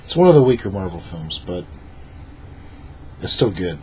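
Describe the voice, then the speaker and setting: A man's voice: low voice, big pitch swings, moderate pace, a little mellow, slight background noise. A drunk man co-hosting a film review in loose, casual conversation.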